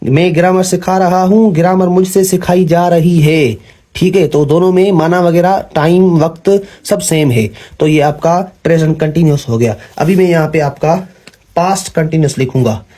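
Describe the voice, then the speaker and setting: A young man teaching English grammar in a patient classroom style, often pausing with fillers and correcting himself. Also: fairly high pitch, fairly even intonation, mellow. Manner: patient, repeats "ठीक है", frequent fillers and self-corrections.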